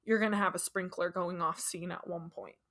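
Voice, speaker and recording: A young woman co-hosting a podcast in casual chat, agreeable and quick to laugh. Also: on the low side, fairly even intonation, a bit bright. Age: young adult. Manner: agreeable, short replies, easy laughs. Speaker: podcast co-host.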